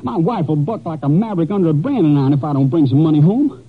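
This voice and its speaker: A man's voice: a little high, lively intonation, quick pace, natural voice. A man playing a broke, whining, menacing gambler in a radio melodrama. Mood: pleading. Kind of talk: old-time radio melodrama acting. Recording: muffled, noisy vintage radio recording.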